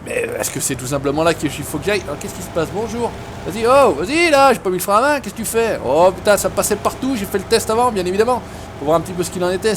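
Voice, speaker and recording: A man's voice: a little high, background noise. A man hosting a gaming video, chatting casually and swearing at the game as he plays. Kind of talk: casual gameplay commentary.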